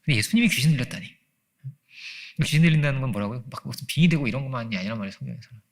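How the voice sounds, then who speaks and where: In a church sanctuary, a male pastor delivers a conversational Sunday sermon in a mid-range, animated, rapid-fire voice. He poses rhetorical questions to his listeners, acts out quoted voices, and laughs often.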